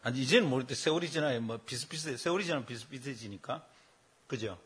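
Male pastor, 50s, bright voice, preaching. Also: mid-range voice, quick pace. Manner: animated storytelling with acted quotes. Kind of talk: sermon.

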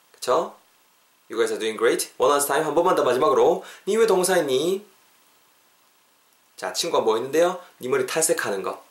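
A man teaching English phrases in a casual podcast lesson, lively and drilling each phrase over and over. Korean is his first language. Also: mid-range voice. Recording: roomy echo.

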